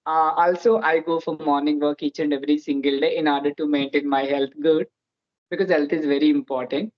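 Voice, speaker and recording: A native Telugu speaker in their twenties, with a Telugu-influenced Indian accent, hosts a casual interview chat, talking earnestly and starting many phrases with "so." The medium-pitched voice has fairly even intonation and a slightly fast pace, and the sound is lo-fi.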